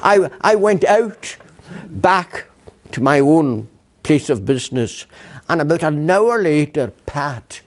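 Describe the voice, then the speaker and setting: A man's voice: fairly high pitch, very animated, slow pace. An older man, a former provost, giving a public lecture full of anecdotes, with many fillers and restarts. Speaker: guest speaker, former provost. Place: council chamber.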